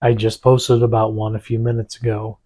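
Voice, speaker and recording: A man's voice: on the low side, monotone, normal speed, mellow. A man earnestly narrating a clip he posted about a mimic video.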